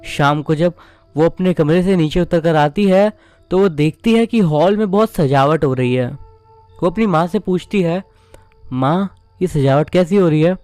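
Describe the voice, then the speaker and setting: A man with a fairly high voice tells a horror story in measured, suspenseful steps. The sound is very dry and close, with faint music underneath. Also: darkish tone, no echo. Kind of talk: scripted horror narration.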